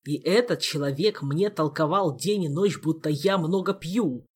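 A man reading an audiobook, voicing a gruff, hot-tempered nobleman who scolds loudly. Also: on the high side, measured pace. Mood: scornful. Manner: loud, growling scolding.

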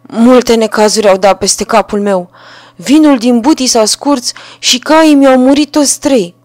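A woman's voice: on the high side, no room sound, pitched above the performer's own voice, close to an everyday voice. A woman voicing a ruined, angry peasant carter who wails over his losses in a storybook reading. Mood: lamenting. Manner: wailing laments, loud.

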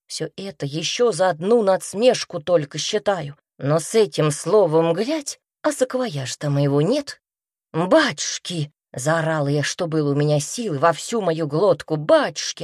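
A woman's voice: low-pitched, a little mellow, slightly rough, dry recording, clean studio sound. A woman performing a first-person folk tale aloud in a chatty, folksy storyteller's manner, acting out the quoted voices. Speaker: reader.

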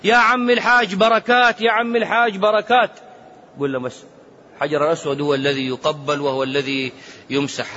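A sheikh with a high, bright male voice delivers an energetic religious lecture on religious rulings, moving between raised and hushed tones and chanting recitations. The audio is dull and lo-fi, with faint noise.

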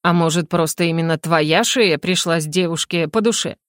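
A woman's voice: on the low side, normal speed, no room sound, studio quality, voice pushed down, close to an everyday voice. A woman playing a sarcastic teasing male mage.

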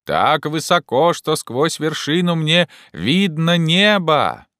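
A man voicing a simple, cautious male servant who calls out in a slow, drawn-out way. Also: mid-range voice, sing-song, sharp tone, no echo, clean studio sound, pitched above the performer's own voice, full character voice. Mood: calling out.

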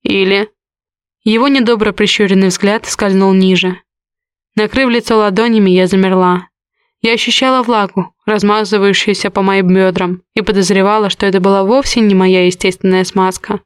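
A woman narrating a romance audiobook in the first person, with steady, intimate storytelling. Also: mid-range voice, moderate pace, clean tone, no room sound, clean studio sound.

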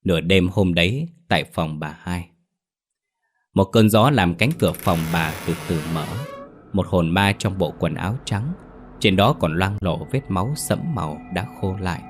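Male storyteller, very low voice, reads ghost stories and does all the voices. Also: measured pace, soft background music. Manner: voices every character himself.

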